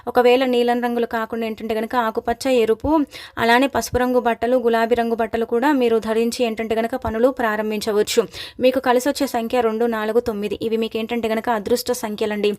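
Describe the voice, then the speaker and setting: Fast flat-toned woman giving astrology advice. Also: on the high side. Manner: rapid flat delivery with frequent self-corrections and filler phrases. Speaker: astrology presenter. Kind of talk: fast devotional astrology talk.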